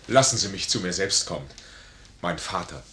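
Earnest army major, male, formal diction, wide intonation, bright, 1950s radio drama. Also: sits low, lively intonation, moderate pace, slight background noise. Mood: moved. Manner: intense, formal stage diction. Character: Tellheim, proud, earnest, passionate army major. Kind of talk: 1950s German radio play acting. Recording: roomy 1950s radio studio recording.

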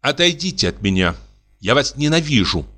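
A man's voice: medium pitch, sing-song, moderate pace, pushed and bright. A man voicing a hot-tempered young widow in indignant, wavering outbursts, as in an audiobook drama reading.

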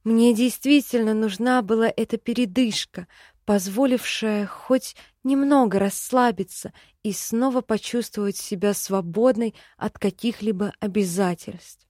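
A woman's voice: mid-range voice, a little slow, darkish tone, dry recording. Woman reading a novel aloud, dry sound. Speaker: audiobook narrator. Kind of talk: scripted first-person narration.

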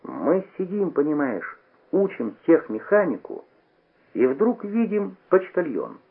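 A man's voice: fairly high pitch, very animated, slightly rough, pitched above the performer's own voice, full character voice. Furman, a man doing a teasing teenage boy. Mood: eager. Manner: quick, teasing storytelling. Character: self-assured mocking teenage boy. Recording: tinny old radio broadcast.

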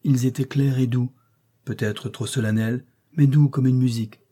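A man voicing a brooding, ardent wealthy gentleman in an audiobook reading of a classic novel, pleading and commanding by turns. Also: medium pitch, steady tone, moderate pace, slightly rough, lightly acted. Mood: tender.

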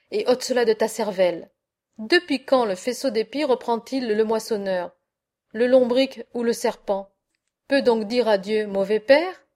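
A woman's voice: on the high side, a little mellow, close to an everyday voice. A woman reading as a stern old peasant father. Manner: sententious, proverb-laden rebukes.

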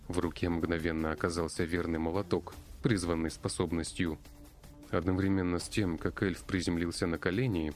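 Deep-voiced male audiobook narrator. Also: a little mellow. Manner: urgent, commanding when speaking as himself. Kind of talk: first-person fantasy audiobook narration.

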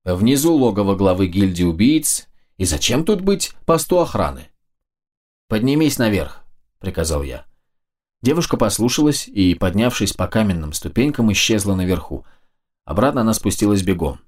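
A man narrating a fantasy audiobook in a steady, measured storytelling manner. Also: on the low side.

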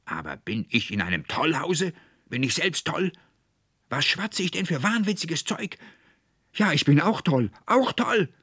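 A man's voice: fairly high pitch, sing-song, unhurried, pushed and bright, slightly rough, no room sound, pitched above the performer's own voice, exaggerated voice. A choleric old schoolmaster in a storybook reading, his voice climbing to a piercing shriek as the fury takes him, as a man puts him on. The sound is close and dry, with no room around it. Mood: frenzied. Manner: shrieking in rising rage. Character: choleric older male schoolmaster.

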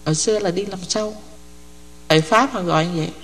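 A woman's voice: lowish voice, fast, a bit bright. An older woman gives a Buddhist dharma talk in a plain, chatty teaching voice. She keeps stopping to ask whether her listeners follow. Her words ring out with a long tail of reverb, as in a large hall. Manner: conversational, often checks the audience follows.

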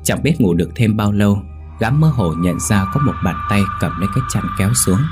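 A man narrating a ghost story in a measured, suspenseful manner. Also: on the low side, animated, over music. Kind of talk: scripted horror story narration.

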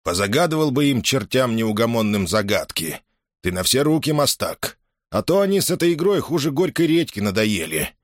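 A man's voice: medium pitch, big pitch swings, moderate pace, no echo, studio quality, voice pushed up, close to an everyday voice. A man reading a novel aloud, voicing an older cossack father who talks in an easygoing, fatherly way. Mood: calm.

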